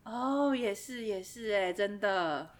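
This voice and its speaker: A woman with a Taiwanese Mandarin accent, co-hosting a podcast in casual chat, animated and agreeable and quick to laugh. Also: medium pitch. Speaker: podcast co-host.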